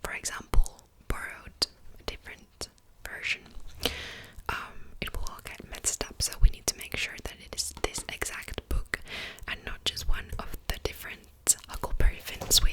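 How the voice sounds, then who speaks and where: A woman in a whispered role-play as a patient, helpful librarian, speaking in a soft, breathy library whisper with an unhurried, explanatory manner. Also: rough recording. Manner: unhurried, explanatory, gently attentive. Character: patient, helpful female librarian serving a borrower. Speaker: ASMR performer playing a librarian.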